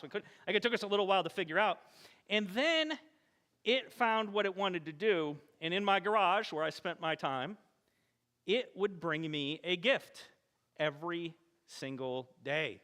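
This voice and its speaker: A male pastor preaching a conversational sermon in a church sanctuary, telling stories and acting out quoted speech. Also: high voice. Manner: animated storytelling, acts out quoted speech. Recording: echoey church hall.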